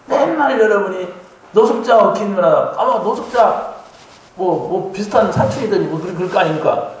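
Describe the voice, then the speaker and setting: High, lively male preacher in echoing church. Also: fairly quick. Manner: conversational, keeps asking the congregation questions. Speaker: pastor. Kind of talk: sermon. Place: church sanctuary. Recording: heavy church-hall echo, faint hum.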